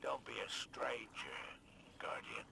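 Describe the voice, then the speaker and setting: Casting: sly alien crime lord, very gravelly, slow and wildly swooping delivery, game cutscene with ambient noise behind. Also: male voice, lowish voice, big pitch swings, pushed and bright, full character voice. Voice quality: gravelly, hissing half-whisper. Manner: smooth, slow, ingratiating.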